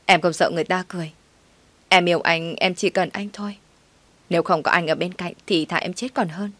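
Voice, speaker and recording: A woman's voice: fairly low pitch, steady tone, a little fast, fairly bright tone, dry recording. A woman voicing a desperate young mistress who pleads and wails to keep her lover. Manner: pleading, wailing.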